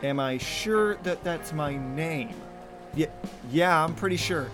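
A man's voice: fairly high pitch, slow pace, music in the background. A man playing a hesitant, wry young soldier who stammers, in a comedic audio drama.

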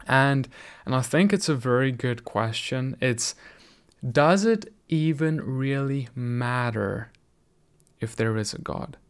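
A middle-aged South African preacher whose first language is Afrikaans gives an earnest, conversational sermon on video. He speaks in a mid-range voice and frequently restarts his sentences.

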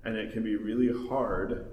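A man's voice: lowish voice, lo-fi sound. Rambling thirties man in roomy group chat. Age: 30s. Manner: rambling, many fillers and laughs. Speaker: study group member. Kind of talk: casual group discussion. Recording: roomy, distant mic, faint noise.

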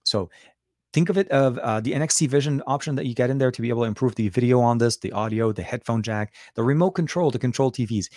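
A middle-aged tech reviewer hosts a casual livestream, rambling, repeating and rephrasing himself as he chats with viewers. His medium-pitched, darkish voice moves at a quick pace and is slightly coarse and worn from a night out, captured with studio quality and no room sound.

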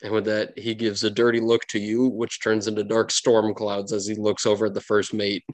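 A man's voice: fairly low pitch, monotone, moderate pace, dry recording. A man running a tabletop game as game master, improvising dramatic narration with casual asides.

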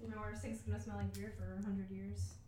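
A woman's voice: mid-range voice, flat delivery, quick pace. A woman in a casual chat complaining about her apartment in an exasperated way. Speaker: podcast guest. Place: apartment room. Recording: roomy with loud hiss.

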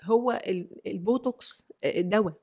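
A woman's voice: mid-range voice, brisk, mellow. A woman with an Egyptian accent, a skin doctor, explaining treatments in an emphatic way with rhetorical questions in a casual podcast chat. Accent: Egyptian Arabic. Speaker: dermatologist guest.

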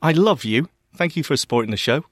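A man's voice: on the high side, lively intonation, a little fast, dry recording, clean studio sound. A man from Bristol with a West Country Bristolian accent, co-hosting a podcast in casual, playful, theatrical banter full of exclamations. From Bristol, England. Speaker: podcast co-host.

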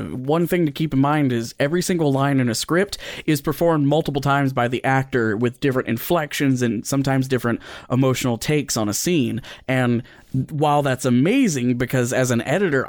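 A man's voice: mid-range voice, no room sound, clean studio sound. A man hosting and editing a podcast, giving casual behind-the-scenes commentary in a wry, playful way. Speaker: podcast host and editor.

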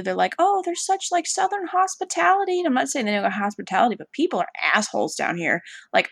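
A woman's voice: mid-range voice, vocal fry, a bit bright, no room sound. Blunt woman from washington state, casual chat, swears a lot, dry close sound. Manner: blunt, swears freely, laughs often. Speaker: friend chatting.

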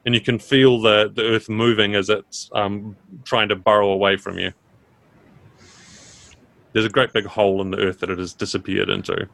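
A man narrating a tabletop game as game master, halting and pausing mid-sentence as he improvises. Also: fairly low pitch, flat delivery, vocal fry, a bit bright.

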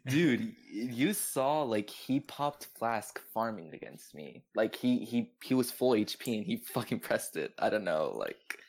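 A young man chatting casually in bro-ish gamer slang, swearing and haltingly circling back with lots of "like". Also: mid-range voice, expressive, a little mellow. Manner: halting, many repeats of "like". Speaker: competitive video game player on a podcast. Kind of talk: casual chat.

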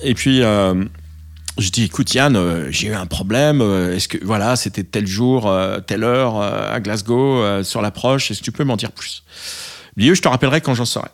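With a lowish voice at a normal speed, a man tells a casual anecdote about his time flying. He stumbles through fillers and false starts while playing out radio calls in English.

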